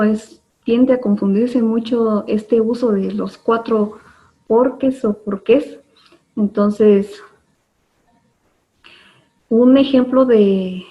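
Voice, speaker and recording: Patient woman teacher on lo-fi online class audio. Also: fairly high pitch. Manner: patient, explains step by step with many fillers.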